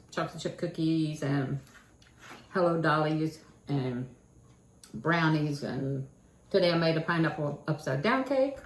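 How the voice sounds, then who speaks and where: An older woman with a Kentucky accent talks through a homey vlog in a folksy, chatty way. Her voice sits a little low and rings out in an echoey room with faint noise in the background. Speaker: channel host. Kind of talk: casual home vlog chat.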